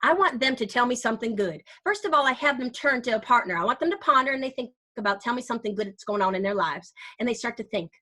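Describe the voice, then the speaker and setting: Upbeat woman teacher, slightly high voice. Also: animated, quick pace, few pauses, bright, forceful tone. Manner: bubbly, encouraging, breaks into bits of song. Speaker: teacher presenting a session. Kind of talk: energetic online workshop talk. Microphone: computer mic on a video call.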